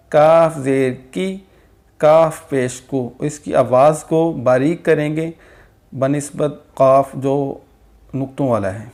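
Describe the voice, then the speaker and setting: A man teaching Quran letters, slowly sounding out syllables and repeating them patiently in a lesson. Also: fairly high pitch, darkish tone. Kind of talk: slow recitation lesson with drills.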